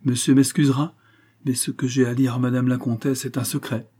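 A man's voice: mid-range voice, little pitch movement, fairly quick, dark tone, husky, pitched above the performer's own voice, natural voice. A man reading the lines of a sly, sardonic Portuguese henchman in an audiobook, in a dry, matter-of-fact way.

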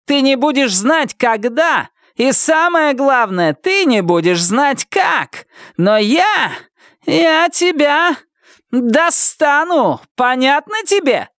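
A woman voicing a furious, spiteful, foul-mouthed woman who delivers slow, clipped threats. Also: medium pitch, clean tone, no echo, clean studio sound, voice pushed up.

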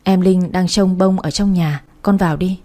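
A woman's voice: lowish voice, fairly even intonation, normal speed, dark tone, lightly acted. A woman voicing a middle-aged mother who scolds her daughter yet fears her husband. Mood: scolding, anxious.

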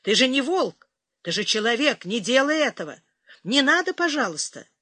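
A woman's voice: big pitch swings, measured pace, no room sound, clean studio sound, exaggerated voice. A woman reader voicing a young female captive who pleads and bristles with defiance. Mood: pleading. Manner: pleading, turning to shrill shouting.

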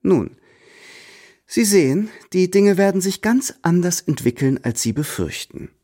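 An actor playing a proud, composed young tutor in a radio drama, speaking in a measured, cool way. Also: male voice, high voice, very animated, dark tone, heavily acted. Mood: defiant. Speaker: first-person narrator and protagonist.

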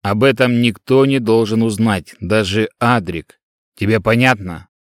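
A man's voice: fairly low pitch, measured pace, no echo, clean studio sound, close to an everyday voice. Man playing a stern secretive master. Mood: commanding. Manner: calm, curt orders.

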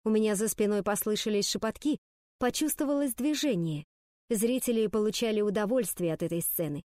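A woman's voice: medium pitch, brisk, a little mellow, no echo. Woman narrating an audiobook, dry close sound. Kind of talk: scripted first-person narration.

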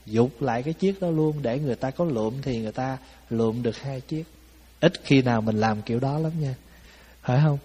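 A man giving a Buddhist dharma talk, telling stories in a lively, conversational way and often asking his listeners to agree. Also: medium pitch, a little fast, breathy edge. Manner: asks the audience "phải không?". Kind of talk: storytelling sermon. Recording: long hall reverb.

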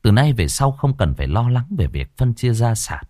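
A man narrating an audiobook story in an expressive, dramatic way. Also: medium pitch, moderate pace, no room sound, studio quality.

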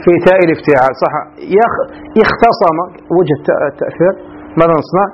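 Man, grammar teacher, high voice, slow stretched words, keeps checking if students follow, faint hiss. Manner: stretches key words slowly, often asks the class if it is clear. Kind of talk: Arabic grammar lesson. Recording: dull lo-fi recording.

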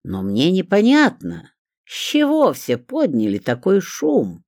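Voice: medium pitch, wildly swooping pitch, slow, a little mellow, no echo, clean studio sound, voice pushed up, exaggerated voice. A reader voicing a sly middle-aged neighbour woman who speaks in a sugary, mock-innocent tone.

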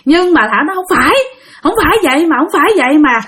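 A woman's voice: sits high, fast talker, a bit bright, pitched above the performer's own voice. A woman voicing a terrified young child who pleads and repeats herself. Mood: pleading. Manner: frantic, repeating itself.

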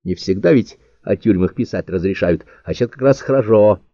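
A man's voice: fairly low pitch, brisk, mellow, dry recording, lo-fi sound, close to an everyday voice. A man voicing a vain, self-assured male writer in an audiobook, speaking emphatically. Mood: eager. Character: vain, pushy middle-aged male writer.

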